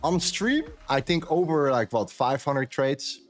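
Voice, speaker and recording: A man's voice: medium pitch, animated, measured pace, soft background music. A man from the Netherlands, chatting candidly on a trading live stream and repeating phrases for emphasis. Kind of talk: casual chat on a live stream.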